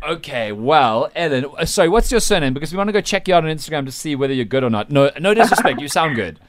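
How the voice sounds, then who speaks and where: A man's voice: on the high side, big pitch swings, quick pace, dry recording, clean studio sound. A South African man hosting a radio show in casual, jokey banter with teasing remarks. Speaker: radio breakfast show host.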